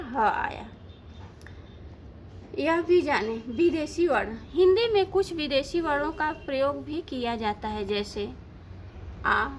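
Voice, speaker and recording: A woman teaching a lesson, asking questions and answering them herself in a slow, deliberate way. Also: high voice, slight background noise. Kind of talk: Hindi grammar lesson.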